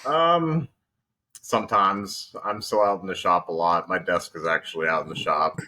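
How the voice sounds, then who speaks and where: A man's voice: low-pitched, normal speed, a little hiss or hum. A man in his thirties, a podcast guest, talking casually and joking, with frequent ums. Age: 30s. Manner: relaxed, joking, hesitant with ums. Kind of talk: casual conversation.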